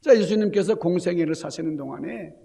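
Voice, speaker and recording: A male pastor preaching an Easter sermon, asking the congregation rhetorical questions and swinging from loud exclamations to hushed near-whispers. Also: a little high, brisk, vocal fry, long reverb tail. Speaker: senior pastor. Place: church sanctuary.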